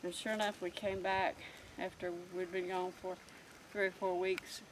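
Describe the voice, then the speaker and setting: A woman's voice: fairly low pitch, level tone, moderate pace. A middle-aged woman with a Southern US accent chatting casually and playfully as she explores the woods for a vlog. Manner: playful, teasing. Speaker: outdoor vlog co-host. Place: outdoors in woods. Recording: noisy outdoor field recording.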